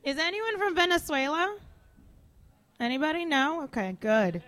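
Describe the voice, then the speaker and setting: Female co-host, high voice, casual chatty banter at a live outdoor show; dry close mic. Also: big pitch swings, normal speed, a bit bright, dry recording. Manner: chatty, tells a story in loose stops and starts. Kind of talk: casual banter presenting a news story.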